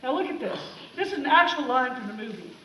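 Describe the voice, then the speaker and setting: A woman teacher giving a sarcastic, animated comic talk to students about a film. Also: high-pitched, quick pace, slight background noise. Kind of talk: comic classroom talk over film clips. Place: classroom. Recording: echoey room, mic far off.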